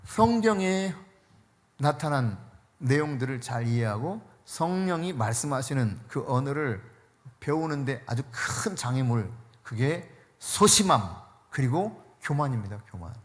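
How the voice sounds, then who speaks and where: A man's voice: medium pitch, very animated, measured pace. A male pastor preaching a sermon in a conversational way, stressing points by repeating key words. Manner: conversational, mixes casual and polite speech.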